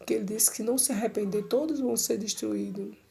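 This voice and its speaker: A woman's voice: fairly high pitch, fast, vocal fry, mellow. A middle-aged woman giving an emotional personal church testimony, repeating herself and addressing listeners tenderly.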